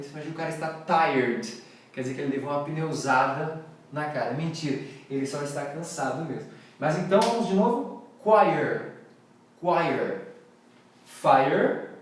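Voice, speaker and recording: A man's voice: on the high side, far from the mic. A Brazilian man teaching English pronunciation live, playfully repeating words for his students to echo. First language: Portuguese.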